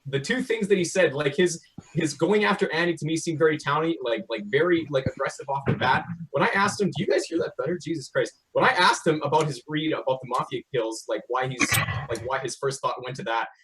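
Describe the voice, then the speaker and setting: A man's voice: fairly high pitch, fairly quick, noisy background. A man talking through his reads in a live party game, rambling and full of fillers. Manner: rambling, animated, many fillers. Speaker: game player. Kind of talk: casual game discussion.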